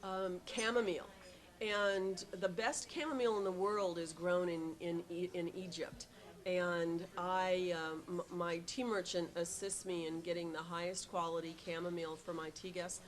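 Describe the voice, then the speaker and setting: A woman's voice: on the low side, steady tone, moderate pace. A middle-aged woman who runs a tea shop, answering interview questions with many ums and restarts and an eager tone.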